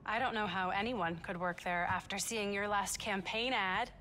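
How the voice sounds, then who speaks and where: A woman's voice: mid-range voice, fairly even intonation, normal speed, pushed and bright, a little hiss or hum, natural voice. A young woman playing a wry, caring teenage girl in natural video game dialogue.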